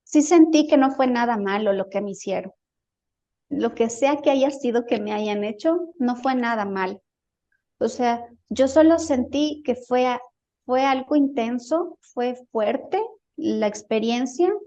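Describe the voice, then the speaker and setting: A woman's voice: a little high, expressive, a little slow, mellow, dull audio. A woman in an interview, telling a personal experience in a casual, hesitant way and repeating words as she searches for them. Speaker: guest recounting a healing experience.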